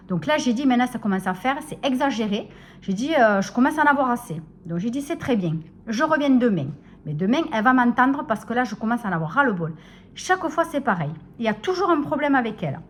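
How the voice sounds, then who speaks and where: Vlogger, woman, middle-aged, exasperated rant with fillers, faint hiss behind. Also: on the high side. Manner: exasperated ranting, frequent filler words. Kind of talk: casual vlog chat. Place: home.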